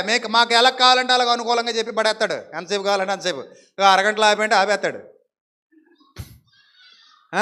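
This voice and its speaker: A man's voice: high voice, pushed and bright, big-room sound. A male pastor preaching a sermon in a conversational way, acting out little dialogues and asking the congregation rhetorical questions.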